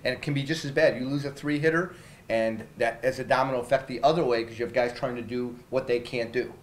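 Facing reporters in a small press room with a logo backdrop behind him, a middle-aged baseball manager speaks candidly after the game, stumbling through fillers and restarts. He talks fast in a steady, medium-pitched voice into several close-held handheld mics, captured in low-quality audio.

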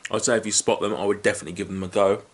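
Speaking fast in a steady, lowish voice, a thirtysomething British man does an unscripted snack review indoors in his small living room, pausing to crunch chips. A nearby camera in front of him records, with crinkling packets clearly audible behind his voice.

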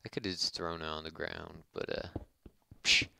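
A man's voice: rumbling low, fairly even intonation, a little fast, vocal fry, background noise. A man giving casual, rambling gameplay commentary with a harsh voice, joking and chatting with his viewers. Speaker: let's play host.

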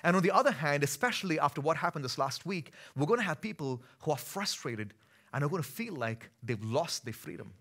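A pastor, an Indian man in his thirties with an Indian accent, preaches from a church stage, shifting between relaxed conversation and forceful, emphatic delivery. His voice sits on the high side, expressive and fairly quick.

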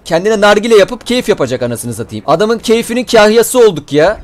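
Young man, gameplay commentary, high-pitched, very lively, cursing at enemies. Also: fairly quick. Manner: animated, swearing, talks to enemies. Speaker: gameplay streamer.

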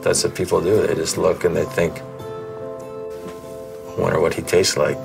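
An actor playing a man made of candy, speaking in a slow, deadpan, contented way in a scripted commercial monologue. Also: sits low, vocal fry, over music, exaggerated voice.

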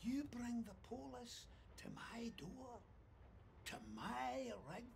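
An actor playing a bullying older Scottish oil rig boss in a video game, sneering, menacing and explosive. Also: male voice, sits high, very animated, normal speed, a bit bright, a little hiss or hum, full character voice. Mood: quiet menace.

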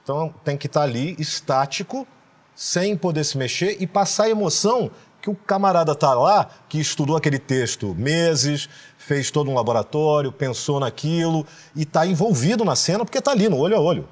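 Middle-aged man, Brazilian accent, lively expressive pitch, relaxed interview talk. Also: moderate pace. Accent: Brazilian Portuguese. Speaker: guest, voice actor. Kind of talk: casual interview chat.

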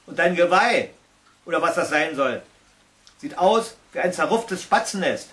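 Mann als frecher, pöbelnder Rentierbock. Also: male voice, fairly high pitch, lively intonation, measured pace, a bit bright. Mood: rude. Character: rude, cheeky reindeer.

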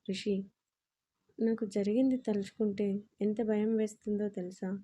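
A woman's voice: medium pitch, flat delivery, normal speed, warm tone, close to an everyday voice. A woman reading a nervous young woman in a storybook. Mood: anxious. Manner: pleading, nervous. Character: anxious young woman, college student. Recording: dull lo-fi audio.

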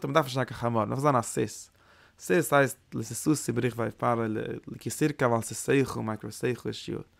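A man giving a Kabbalah lesson as a Torah teacher, speaking haltingly and often repeating words and restarting phrases. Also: mid-range voice, gravelly, no echo.

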